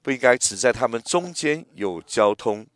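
A man in his eighties preaching a sermon in a gentle, reflective way, often pausing and restarting his phrases. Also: medium pitch, lively intonation, no echo. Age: 80s.

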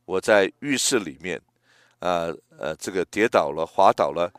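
A man in his eighties preaching a sermon in a gentle, reflective way, often pausing and restarting his phrases. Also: deep voice, lively intonation, clear, resonant tone, no room sound, clean studio sound. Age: 80s.

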